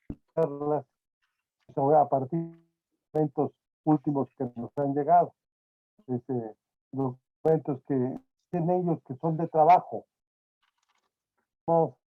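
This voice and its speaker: A man moderating an online academic meeting, talking in halting, broken-off phrases while his video call audio breaks up and drops out. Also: a little high, phone-quality sound. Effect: video call audio breaking up and dropping out.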